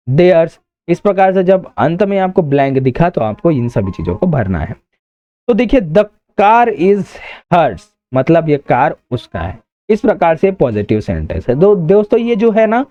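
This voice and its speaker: A man's voice: on the high side, warm tone. Male grammar teacher, lo-fi. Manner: explains step by step, asks and answers his own questions. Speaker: English teacher. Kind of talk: exam-prep grammar lesson.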